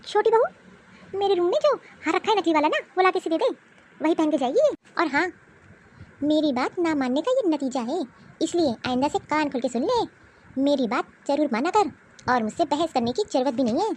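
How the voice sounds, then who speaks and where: A woman's voice: high voice, expressive, brisk, a little mellow. A woman voicing a domineering older mother-in-law in a cartoon, with a harsh, taunting, commanding manner. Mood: scolding. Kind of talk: cartoon voice acting.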